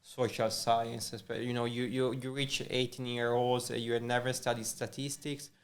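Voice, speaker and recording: Flat, gravelly Italian-accented man. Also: mid-range voice, moderate pace. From Italy. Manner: hesitant, many fillers and restarts. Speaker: guest. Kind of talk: casual interview chat.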